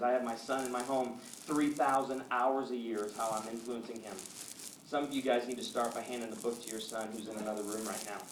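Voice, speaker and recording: A middle-aged male pastor preaching a sermon, telling personal stories with animated, acted-out quotes. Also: mid-range voice. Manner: animated storytelling, acts out quotes. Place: church sanctuary. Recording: echoey hall, mic at a distance, audience noise.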